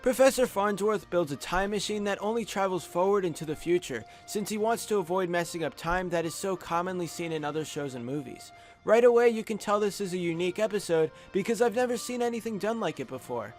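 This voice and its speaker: Speaking briskly and animatedly in a high-pitched voice, a young adult man hosts a video with scripted top-five countdown commentary. Faint music sits behind him, captured on a close USB studio microphone.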